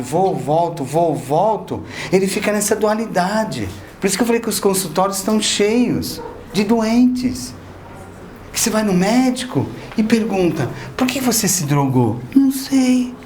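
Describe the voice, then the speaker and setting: In the lecture hall of a spiritist association, a man gives a spiritual lecture, talking conversationally and putting questions to the audience. His voice is high with a darkish tone, and there's a little hiss or hum.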